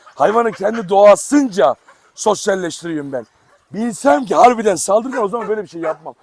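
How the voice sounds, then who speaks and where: A man hosting a casual dog-farm vlog outdoors, chatting to viewers and coaxing his dogs affectionately. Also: high voice. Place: outdoor yard. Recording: noisy outdoor recording.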